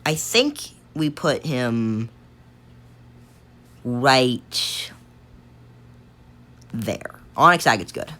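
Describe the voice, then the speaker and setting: A woman with a strikingly low voice talks through a gaming tier list, thinking out loud. Her delivery wanders and restarts, full of fillers, while her pitch rises and falls in a lively, animated way. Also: very slow, long pauses. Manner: rambling, thinks aloud with many fillers and restarts. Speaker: gaming video creator. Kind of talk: casual tier-list commentary.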